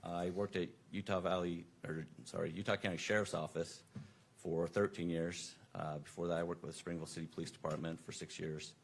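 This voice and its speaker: A middle-aged police officer testifying from the witness stand, heard through the courtroom's table microphone and giving brief, matter-of-fact answers. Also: male voice, low voice, little pitch movement, fairly quick, creaky, slight background noise. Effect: courtroom recording, voice picked up by the witness-table microphone.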